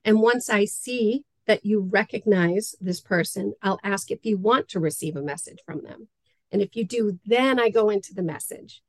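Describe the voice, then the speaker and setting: A woman's voice: medium pitch, moderate pace, dry recording, low-quality recording. A woman speaking as an interview guest, a spiritual medium explaining things earnestly and step by step in a conversational way.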